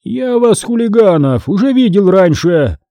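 A man voicing a grumpy old man who sells junk, with a creaky, scolding voice. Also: high-pitched, sing-song, drawn-out words, dark tone, no room sound, pitched above the performer's own voice, heavily acted. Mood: shouting. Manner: angry, scolding.

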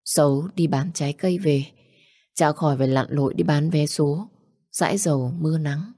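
A woman's voice: low voice, normal speed, mellow, no echo, clean studio sound. Woman voicing an earnest young orphan man. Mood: tearful prayer. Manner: pleading, tender.

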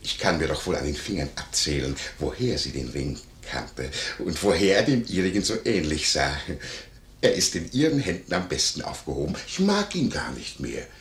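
Wheedling busybody innkeeper, lively inflection, roomy studio echo, radio play. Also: male voice, a bass voice, normal speed. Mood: fawning. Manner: wheedling, chuckling, theatrical storytelling. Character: fawning nosy male innkeeper, curious and greedy. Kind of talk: classic stage radio play acting.

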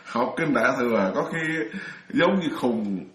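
A man's voice: medium pitch, expressive, measured pace, fairly bright tone, reverberant. A middle-aged man from Vietnam, a Buddhist monk giving a chatty dharma talk, telling stories with frequent laughs and restarts. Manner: chatty storyteller, laughs often, many restarts.

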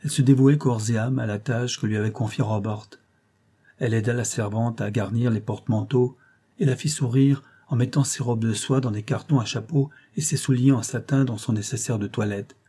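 Male audiobook narrator, mid-pitched, husky and mellow timbre; measured classic-novel reading. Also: steady tone.

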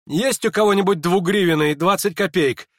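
A man puts on a sick young man in a feverish, hysterical fit, his voice jumping high and sharp. He talks in a shrill, excited rush, laughing strangely, recorded close and dry like a storybook reading. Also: unhurried, no room sound. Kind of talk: audiobook character reading.

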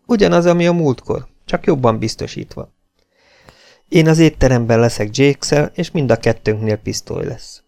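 Tough wary british officer, read by a man, firm clipped lines, gravelly. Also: mid-range voice, darkish tone, natural voice. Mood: determined.

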